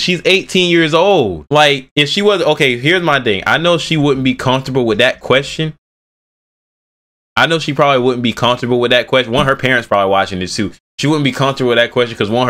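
Slangy young man reacting, bright voice. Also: medium pitch, a little fast. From Bay Area. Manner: slangy, rambling, joking. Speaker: streamer reacting to a video. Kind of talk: casual reaction commentary. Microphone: headset.

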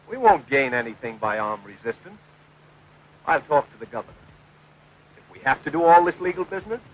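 An actor playing a calm, modest frontier settlement leader, speaking in an earnest, measured and reassuring way. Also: male voice, fairly high pitch, muffled recording, slight background noise. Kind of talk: 1960s television drama acting.

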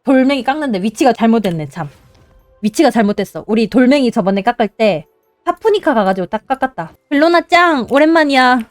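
A young woman streaming a game, commentating excitedly, cheering herself on and mock-calming herself. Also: a little high, a little fast, no echo. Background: game music.

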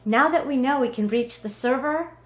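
A woman's voice: sits high, moderate pace. A woman giving a bubbly, enthusiastic scripted product demo of a phone app. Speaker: product presenter.

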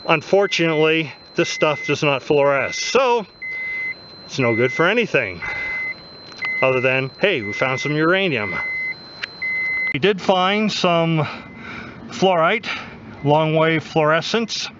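A man's voice: on the high side, lively intonation. Man narrating outdoors, lo-fi noisy audio. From United States. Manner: easygoing, matter-of-fact, pauses with fillers. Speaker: mineral prospecting vlogger. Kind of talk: casual outdoor narration to camera. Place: snowy mountain trail outdoors at night. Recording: dull lo-fi outdoor camera audio with noise.

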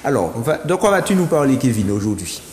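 A man's voice: mid-range voice, sing-song, fast talker, a little mellow. A man hosting a studio book show, presenting in a formal, welcoming way. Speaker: TV show host. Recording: roomy studio with long reverb and faint noise.

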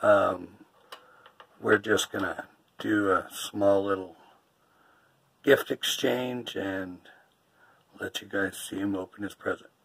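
A man's voice: fairly low pitch, fairly even intonation, takes it slowly, creaky, long pauses, a bit bright, husky. A middle-aged man chatting casually as he films a vlog inside a small trailer, close to the camera. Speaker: vlogger behind the camera. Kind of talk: casual chat.

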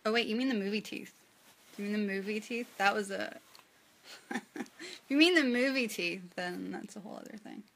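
With long pauses between remarks, a young woman from New Zealand chats on a phone livestream, reading viewers' comments aloud and giggling a lot. Her voice is gravelly and a bit bright, at medium pitch and normal speed. She streams from a small room with the phone at arm's length.

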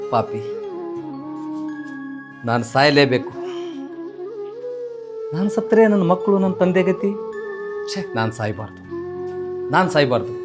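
An actor from North Karnataka playing a betrayed husband who rants and spits insults, in a village comedy skit, over background music. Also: male voice, high voice. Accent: North Karnataka Kannada. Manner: ranting, spitting insults. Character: betrayed husband, bitter and self-pitying.

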